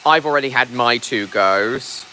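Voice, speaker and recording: A man's voice: medium pitch, measured pace, poor audio. A man doing a casual live stream outdoors, raising his voice and often repeating himself as he goes. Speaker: livestreamer, train enthusiast. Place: outdoors at a heritage railway engine. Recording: loud engine noise behind voice. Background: steam engine noise.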